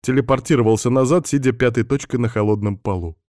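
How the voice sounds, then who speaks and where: A man reading a first-person story aloud in a steady, scripted audiobook narration. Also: medium pitch, fast talker, no echo, clean studio sound.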